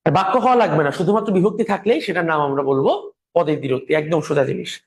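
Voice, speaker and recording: A man teaching a grammar lecture slowly and patiently, repeating his examples while speaking through a sore throat. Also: a little high.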